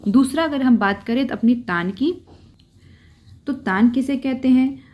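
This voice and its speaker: A woman's voice: sits high, measured pace, highs cut off. Patient woman teaching a grammar lesson. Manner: explains patiently, repeats key terms, asks questions and answers them herself. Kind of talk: explanatory Hindi grammar lesson.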